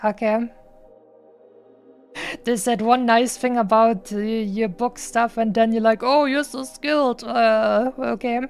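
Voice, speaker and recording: A woman's voice: fairly high pitch, level tone, slow, pauses often, a little mellow, smooth. A woman giving casual, playful, rambling gameplay commentary as a streamer. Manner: playful, rambling, paraphrases characters. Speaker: game streamer. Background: game music.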